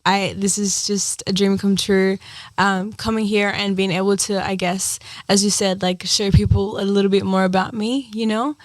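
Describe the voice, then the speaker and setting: A woman's voice: medium pitch, level tone, moderate pace, dry recording. A young woman from Ecuador, a singer-songwriter guest, talking earnestly in a casual interview with lots of fillers. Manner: chatty, earnest, many "like" and "um" fillers.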